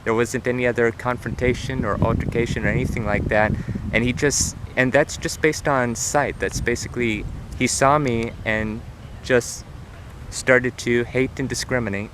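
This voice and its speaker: A man's voice: mid-range voice, fairly even intonation, moderate pace, background noise. A young man earnestly retelling a story while walking through an outdoor park, with many restarts and repetitions. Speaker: vlogger. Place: outdoor park near traffic.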